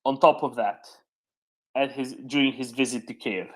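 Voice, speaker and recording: Speaking at a moderate pace in a mid-range voice, this male host runs a live news discussion. He improvises his explanations of unfolding events and keeps tossing in a "right?" to check with listeners during the unscripted commentary.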